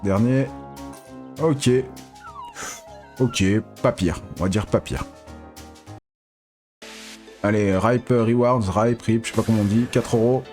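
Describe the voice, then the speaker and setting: A man giving excitable, casual live commentary as a casino streamer, pleading with the reels and swearing. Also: on the low side, slow, pauses often, soft background music.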